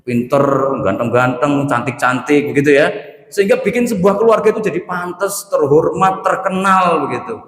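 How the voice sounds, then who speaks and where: A man's voice: a little high, expressive, normal speed. A man preaching a Sunday morning sermon in a humorous, conversational way, often turning to his listeners directly. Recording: roomy hall with long reverb.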